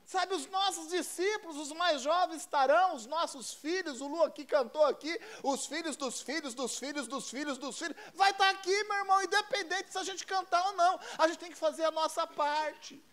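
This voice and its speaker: A man's voice: very high-pitched, normal speed, hardly any pauses, a bit bright. A man with a Brazilian Portuguese accent, a pastor preaching a sermon in a conversational, repetitive, folksy storytelling way. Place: church service.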